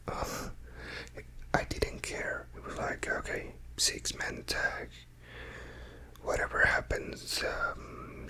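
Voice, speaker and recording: A person whispering a casual, rambling ASMR chat, hushed and quiet as if late at night, often trailing off between thoughts. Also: very high-pitched, low-quality recording. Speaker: ASMR creator talking to followers.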